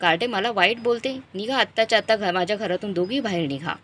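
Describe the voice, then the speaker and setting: A woman voicing an angry, scornful middle-aged husband who shouts at his wife and daughter. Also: medium pitch, quick pace, lightly acted.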